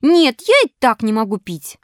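A woman's voice: lively intonation, normal speed, no echo, studio quality, natural voice. A woman voicing a stubborn wooden puppet boy who whines and pleads in a storybook reading. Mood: whiny. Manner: whining, pleading, shrill.

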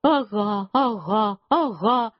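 A woman's voice: medium pitch, expressive, slow pace, dry recording. A woman reading a children's story, voicing a cheeky little girl who snaps back at a boy. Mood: squabbling. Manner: snappy, teasing. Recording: dull lo-fi recording.

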